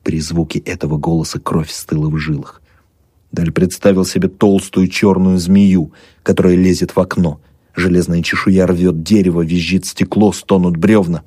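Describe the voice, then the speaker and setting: A man narrating an audiobook in an expressive, dramatic manner. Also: low-pitched, normal speed, slightly rough, dry recording. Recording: close dry recording, soft music underneath.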